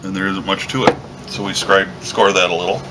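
Deep-voiced man explaining leather craft. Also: brisk, background noise. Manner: relaxed, step-by-step explaining while working. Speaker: leatherworking instructor. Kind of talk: hands-on craft tutorial. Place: workshop bench indoors.

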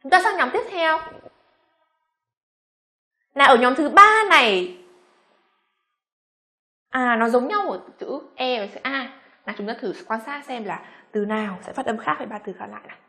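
Woman, Vietnamese accent, young adult, slightly high voice, pronunciation teacher, slow drawn-out model words. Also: animated, bright, forceful tone. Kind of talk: classroom pronunciation lesson.

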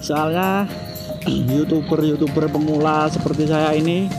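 A man's voice: fairly high pitch, steady tone, measured pace, loud music behind the voice. A young man vlogging from a motorbike in city traffic, hesitant and repetitive, calling the viewer "bro" a lot. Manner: hesitant, repeats himself, says "bro" a lot. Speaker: motovlogger. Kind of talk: casual motovlog talk while riding.

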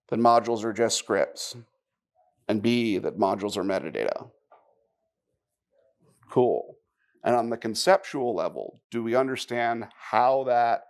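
A man giving a live technical conference talk, conversational, with wry asides and quick questions to the audience. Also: fairly low pitch. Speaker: conference speaker.

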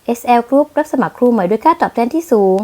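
A woman's voice: fairly high pitch, lively intonation, quick pace, mellow. A woman reading the narration of a manga dub in plain storytelling manner. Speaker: manga reader.

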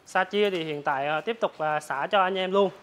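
A young man with a southern Vietnamese accent giving an informal, repetitive hard-sell pitch as a motorbike salesman, reeling off prices for buyers. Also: a little fast, fairly bright tone. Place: large open-sided motorbike warehouse. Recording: clear ambient noise of open warehouse.

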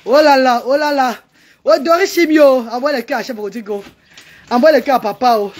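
A woman's voice: high voice, fairly quick, a little mellow. A woman hosting a casual live stream at a charity event, chatty and calling out praise and instructions.

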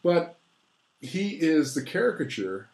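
A man's voice: fairly high pitch, big pitch swings, takes it slowly, a little mellow. A man, an author and guest, talks over his subject in a casual interview, lecturing with lots of restarts. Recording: roomy echo.

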